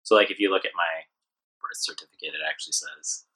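A man from Hawaii being interviewed, talking in a relaxed, rambling way with lots of fillers. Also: extremely low pitch, brisk, poor audio. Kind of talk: casual interview conversation.

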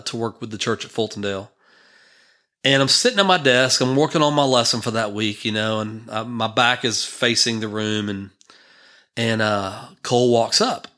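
A man's voice: mid-range voice, pushed and bright. A man in his fifties, a church minister, telling a personal story in a rambling, conversational way. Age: 50s.

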